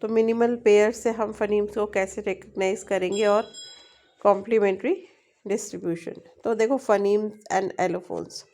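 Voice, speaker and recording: A woman with an Indian accent teaching a linguistics tutorial, switching between Hindi and English, reading definitions slowly and often checking in with her students. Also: medium pitch, steady tone, warm tone, a little hiss or hum. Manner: frequent checking tag questions. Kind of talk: explaining at a board in mixed Hindi and English.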